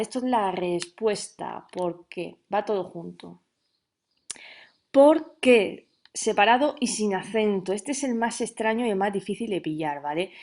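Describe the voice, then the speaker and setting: A woman's voice: mid-range voice, darkish tone. Woman teacher explaining grammar. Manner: explanatory, checks understanding with frequent "¿vale?". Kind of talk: recorded video lesson.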